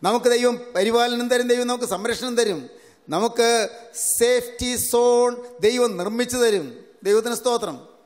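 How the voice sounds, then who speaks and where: A man preaching with a strikingly high voice that rings out in a hall with a long reverb. He repeats each scripture phrase at a slow, deliberate pace, then drives his point home with steady repetition. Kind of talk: sermon.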